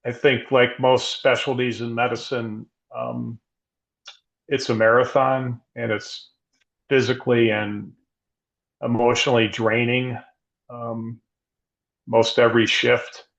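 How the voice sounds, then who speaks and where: A middle-aged man, a guest physician, speaking in a measured, thoughtful way with frequent restarts. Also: mid-range voice, level tone, gravelly, fairly bright tone, lo-fi sound. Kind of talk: reflective interview conversation.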